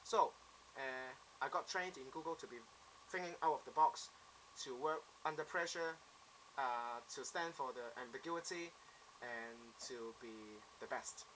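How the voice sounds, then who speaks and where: A young man in his twenties speaks with a Hong Kong accent, telling his story in an earnest, plain way. His voice is bright and clear. A faint hiss sits under the recording. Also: medium pitch, measured pace, poor audio. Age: 20s. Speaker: applicant. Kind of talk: self-introduction video monologue.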